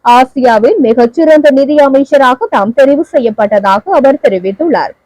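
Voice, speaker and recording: A woman with a Sri Lankan Tamil accent reading the evening news in a steady, measured, formal delivery. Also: sits high, no echo, low-quality recording. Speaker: newsreader.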